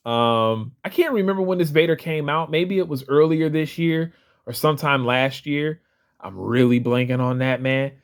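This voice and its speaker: A man's voice: a little high, moderate pace, clear, resonant tone. A man vlogging a casual toy figure review, chatty and rambling, often restarting his sentences. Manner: chatty, rambling, self-correcting.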